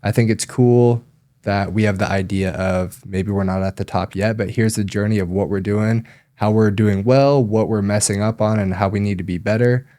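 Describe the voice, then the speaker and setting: A loan officer with a lowish voice explains things at normal speed in a relaxed podcast chat, saying "um" frequently.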